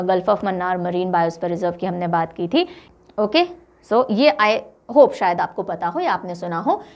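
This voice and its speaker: A young woman teaching an exam-prep lesson, telling playful mnemonic stories and mixing in English words. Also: medium pitch. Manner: lively, playful storytelling with acted asides; mixes English words into speech.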